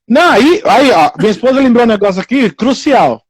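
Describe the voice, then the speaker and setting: High-voiced preacher man. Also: fairly quick, slightly rough, dry recording. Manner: repetitive, animated, acts out quoted people in raised voices. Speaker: evangelical preacher hosting a live stream. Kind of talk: informal preaching on a live stream.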